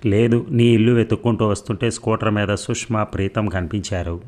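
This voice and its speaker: A man reading the lines of a gentle elderly visitor in a told story. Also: lowish voice, fairly even intonation, a little fast, natural voice.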